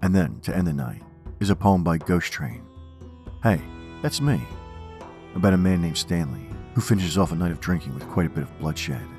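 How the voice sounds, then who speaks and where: An extremely low-voiced man plays the horror host, his voice crackling with gravel. He narrates in a theatrical, ominous way, like someone reading scripted tales of dread, with music faintly underneath. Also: a little fast, darkish tone.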